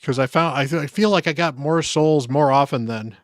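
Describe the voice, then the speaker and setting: On a dry, clean studio recording, a tired man with a voice on the high side talks at a moderate pace while streaming a game. His chat is casual and rambling, full of muttered asides to the people watching.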